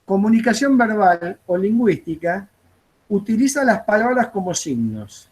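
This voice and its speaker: A man's voice: sits high, big pitch swings, normal speed. A man with an Argentine accent, teaching an aviation course in a classroom, chatting through anecdotes with frequent fillers.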